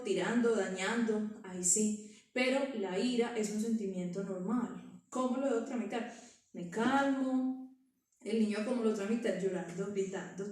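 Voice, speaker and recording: A woman's voice: on the high side, a little mellow. A woman, an early childhood educator giving a conversational training talk to parents, often asking rhetorical questions. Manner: conversational, asks rhetorical questions with frequent "¿cierto?". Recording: very echoey room from far off.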